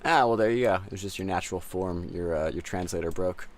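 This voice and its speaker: A man's voice: low voice, quick pace. A man hosting a live art battle stream over a video call, chatting casually in an upbeat, rambling way.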